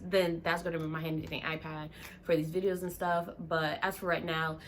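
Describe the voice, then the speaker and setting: A congested young Southern woman vlogs casually from a room at home, reading Reddit stories and saying um and y'all a lot. Her voice sits on the low side with a fairly bright tone, and slight background noise can be heard.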